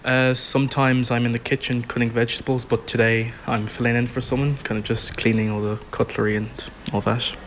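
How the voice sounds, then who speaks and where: A man's voice: medium pitch, little pitch movement, fairly quick, few pauses, a bit bright, slight background noise. Young man giving short, hesitant answers. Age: 20s. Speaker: programme participant. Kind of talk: interview answers.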